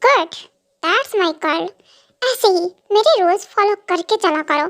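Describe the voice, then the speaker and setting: A woman's voice: very high-pitched, animated, slow, fairly bright tone, heavily acted. A woman voicing a possessive, menacing young mafia husband in an amateur fan dub, talking in cold, mocking threats and commands.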